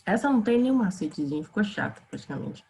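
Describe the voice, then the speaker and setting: A woman's voice: mid-range voice, big pitch swings, fast talker, mellow, rough recording. A woman with a Brazilian Portuguese accent teaching a casual online grammar lesson, chatting with her students.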